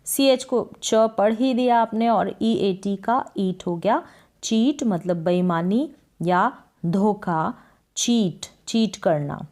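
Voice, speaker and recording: A woman teaching a lesson that spells out English words slowly, asking questions and answering them herself. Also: mid-range voice, darkish tone. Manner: slow, drawn-out spelling of each word, then repeats the meaning. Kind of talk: spoken Hindi lesson on reading English words.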